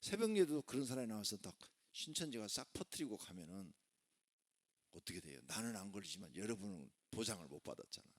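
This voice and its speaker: A man's voice: on the low side, big pitch swings, fast. A male pastor preaching a sermon, emphatic and conversational, often putting rhetorical questions to the congregation. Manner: conversational asides mixed with proclamation. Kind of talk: sermon at a Friday worship service.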